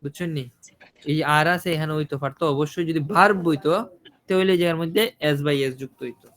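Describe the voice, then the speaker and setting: A man's voice: a little high, fast, a bit bright. A man teaching an IELTS listening class, asking his students questions and repeating his points. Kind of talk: online listening class, explaining in Bengali.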